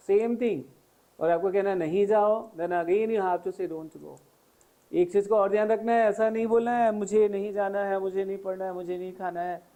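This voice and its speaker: A man teaching English grammar in Hindi with an Indian accent, explaining patiently through many repeated examples and slowing down on English phrases. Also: on the high side, dark tone, poor audio.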